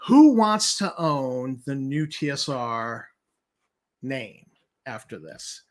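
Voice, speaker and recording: A man's voice: medium pitch, very animated, takes it slowly. A man giving informal commentary as he reads through a document, emphatic and skeptical, repeating key points for effect. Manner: incredulous, skeptical. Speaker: commentator host.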